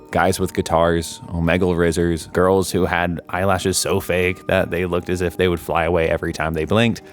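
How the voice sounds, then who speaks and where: A man narrating a horror story in a wry, self-deprecating storytelling manner. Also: low voice.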